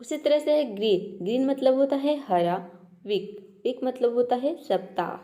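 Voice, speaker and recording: A woman's voice: sits high, expressive, normal speed, mellow. Patient woman teaching pronunciation. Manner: patient, explaining step by step with repeated examples. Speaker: English teacher. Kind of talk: spoken pronunciation lesson.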